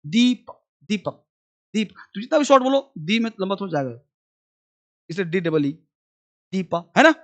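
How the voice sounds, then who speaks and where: This English spelling demo class is led by a male teacher who calls his students children with fondness, repeats words several times to drill each sound, and fires quick questions at them. He speaks in a high, sing-song voice that's a bit bright.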